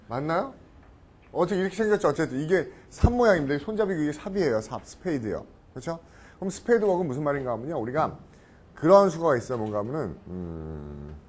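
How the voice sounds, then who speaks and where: A middle-aged man lecturing on English idioms in Korean. He keeps asking the class questions, answers them himself, and often clears his throat. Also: on the high side. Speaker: professor teaching English idioms.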